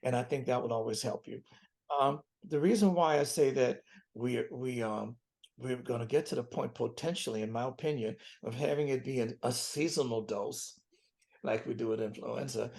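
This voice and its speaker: Gravelly seventy-something man, earnest physician. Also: medium pitch, moderate pace, a little mellow. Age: 70s. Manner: earnest, preacherly emphasis, repeats key phrases. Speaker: physician guest. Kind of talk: interview conversation.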